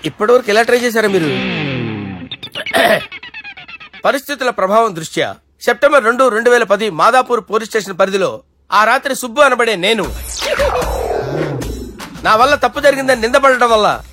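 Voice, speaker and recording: A man's voice: very high-pitched, animated, moderate pace, pauses often. An actor playing a boastful but timid office boss who mixes English into his talk and turns fawning when threatened, in film comedy dialogue. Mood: cheeky. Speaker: comic actor. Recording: film soundtrack with music.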